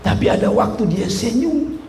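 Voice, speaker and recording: Animated pastor in an echoey hall. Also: male voice, sits high, normal speed. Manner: animated, humorous storytelling with shouted peaks. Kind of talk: lively sermon. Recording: echoey hall with faint room noise.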